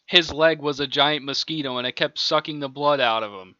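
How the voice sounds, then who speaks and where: A man's voice: a little high, a little fast, pushed and bright, clear, resonant tone, no echo. A man casually narrating his own improvised audiobook story, rambling and chuckling as he goes, on a dull lo-fi recording. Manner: rambling, chuckling between lines. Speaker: amateur audiobook reader. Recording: dull lo-fi dry home recording.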